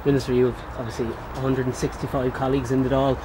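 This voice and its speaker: A man asks questions as a news reporter at a doorstep interview. He talks quickly in a medium pitch. Street and vehicle noise is clearly heard behind him. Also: flat delivery. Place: outdoors. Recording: outdoor noise, traffic behind.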